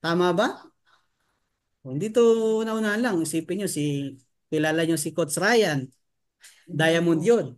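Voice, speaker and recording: A man's voice: fairly high pitch, measured pace, long pauses. A man leading a training seminar, who keeps asking his audience rhetorical questions and mixes English terms into his talk. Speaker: network marketing trainer.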